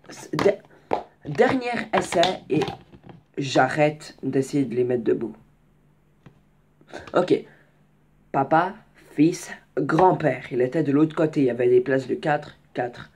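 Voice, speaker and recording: A man's voice: mid-range voice, lively intonation, takes it slowly, pauses often, background noise. A young man casually telling a story in slangy, rambling speech with many restarts and asides. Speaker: vlogger.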